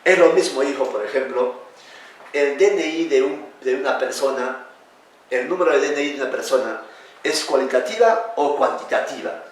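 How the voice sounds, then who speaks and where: A man teaching a class, lively and questioning, calling his students "hijo". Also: mid-range voice, moderate pace. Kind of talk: classroom lecture. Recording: echoey room, speaker far from the mic.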